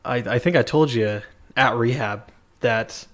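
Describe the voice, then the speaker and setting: A man's voice: mid-range voice, unhurried, a bit bright. A man chatting casually as a podcast co-host with dry, joking understatement, his voice echoing in an empty room. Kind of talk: casual chat. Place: empty room with bare walls and a desk. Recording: echoey bare room.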